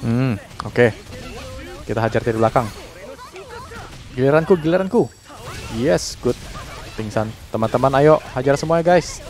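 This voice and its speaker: A man's voice: mid-range voice, normal speed, long pauses, soft background music. Male let's-play commentator, mid-range voice, jumpy and reactive. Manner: excitable, frequent panicked exclamations. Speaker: gameplay commentator.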